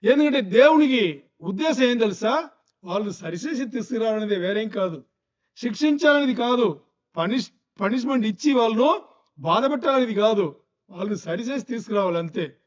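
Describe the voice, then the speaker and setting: A man's voice: extremely high pitch, lively intonation, moderate pace, highs cut off. A male pastor preaching a sermon, firing rhetorical questions at the congregation.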